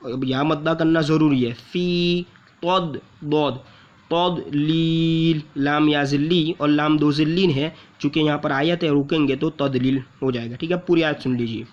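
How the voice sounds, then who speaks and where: Patient man teaching recitation, slow and drawn-out. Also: on the high side, steady tone. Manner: patient, repeats syllables and drags out long vowels while demonstrating. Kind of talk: explaining tajweed rules step by step. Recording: muffled lo-fi audio.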